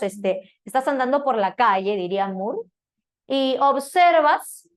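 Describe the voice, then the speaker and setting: A high-voiced woman gives a philosophy lecture in a classroom. She talks in a chatty, loose way and keeps checking in with her students through tag questions. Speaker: philosophy teacher.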